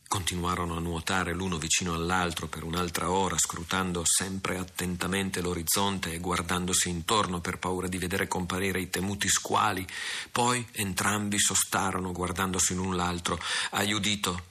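A man narrating an adventure novel as an audiobook, in a steady, measured storytelling manner. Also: sits low. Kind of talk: audiobook reading.

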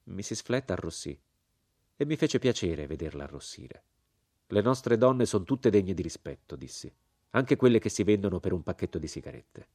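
A man reading a literary novel aloud in a calm, measured way. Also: sits low, no room sound, studio quality. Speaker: audiobook reader.

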